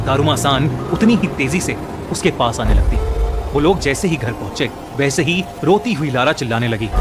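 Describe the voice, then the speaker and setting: गहरी आवाज़ में हॉरर कहानी सुनाता आदमी, पीछे संगीत. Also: male voice, medium pitch. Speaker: horror storyteller. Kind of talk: scripted narration of a horror story. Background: music.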